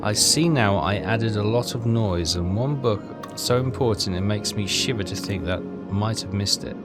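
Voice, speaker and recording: Over background game music, a man with a lowish voice speaks at normal speed, casually commenting on a game as a let's player. He reads on-screen text aloud and thinks out loud in a hesitant, repetitive way.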